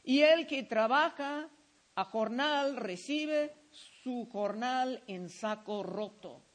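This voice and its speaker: Middle-aged male pastor, very high voice, sermon reading with anecdotes. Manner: lively storytelling, says he was shouting.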